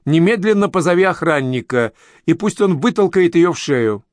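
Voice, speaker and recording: A man reading an audiobook, voicing a harsh, overweight male boss who yells shrilly at an employee. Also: expressive, moderate pace, dry recording, studio quality, lightly acted. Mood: furious. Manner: yelling, shrill when enraged. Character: harsh fat male boss, furious and cruel.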